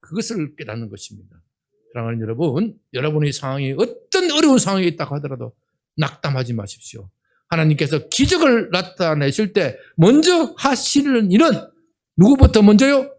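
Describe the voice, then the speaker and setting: An older man, a senior pastor with a Gyeongsang accent, preaching a sermon in a church in a humorous, animated way and often checking in with the congregation. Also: on the high side, a little fast. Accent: Gyeongsang Korean. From Gyeongsang region of Korea. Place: church sanctuary.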